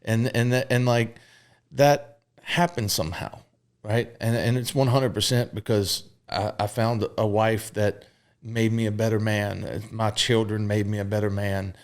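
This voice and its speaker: Frank man in his thirties, lower-pitched. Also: flat delivery, measured pace. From Mississippi. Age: 30s. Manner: frank and open, peppered with fillers and profanity. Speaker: podcast guest. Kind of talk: candid conversational storytelling.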